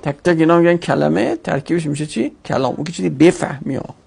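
A teacher giving a grammar lesson, asking questions and answering them, repeating key terms slowly. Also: medium pitch, expressive, creaky, darkish tone, breathy edge.

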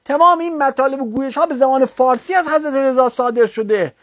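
A man's voice: extremely high pitch, fairly bright tone, no echo. A man giving a religious lecture, arguing his case and rebutting an opponent with mounting insistence. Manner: argumentative, rising to heated rebuttal.

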